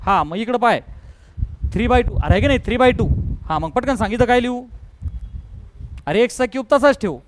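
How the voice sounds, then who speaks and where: Brief: high-voiced male math teacher, bossy classroom drill, joking asides. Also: lively intonation, brisk, long pauses, background noise. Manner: scolding, drills students to answer loudly; joking, mixes English math terms. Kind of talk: classroom lecture.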